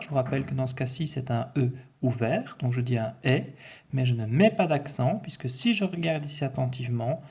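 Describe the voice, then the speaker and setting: Husky, mellow-voiced male teacher. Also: medium pitch. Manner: methodical, checks in with frequent "d'accord?". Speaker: French teacher. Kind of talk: recorded spelling lesson.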